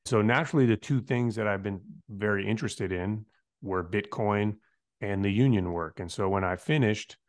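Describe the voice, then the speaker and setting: A middle-aged man, a firefighter, telling stories as a podcast guest in a casual, animated way, acting out quoted dialogue with laid-back slang. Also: lowish voice, moderate pace. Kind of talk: casual interview storytelling.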